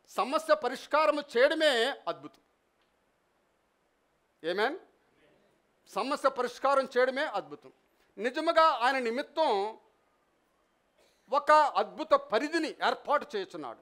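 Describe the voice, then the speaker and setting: A man's voice: extremely high pitch, fairly bright tone. A male pastor preaching an emphatic sermon, repeating phrases and leading the congregation in responses, with some lines in English spoken.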